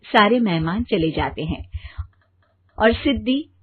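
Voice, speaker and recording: A woman narrating a family story in an expressive, measured way. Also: medium pitch, husky, narrow, tinny audio.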